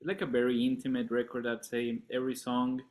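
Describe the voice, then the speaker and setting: A man from Colombia, a guest musician in a casual interview chat, relaxed and laughing often, talking with many fillers. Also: mid-range voice, brisk.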